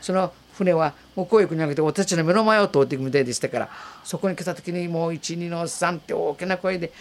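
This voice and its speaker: A woman's voice: on the low side, racing, a little mellow. Older woman, 80s; earnest, vivid storyteller giving interview testimony. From Okinawa, Japan. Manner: vivid, earnest, re-enacts voices and calls. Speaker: war survivor giving testimony.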